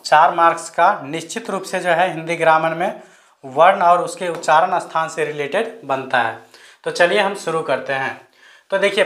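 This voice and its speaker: A man teaching an online grammar lesson, slowly repeating lists of letters and asking students to say them aloud. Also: fairly high pitch, fairly bright tone, roomy sound.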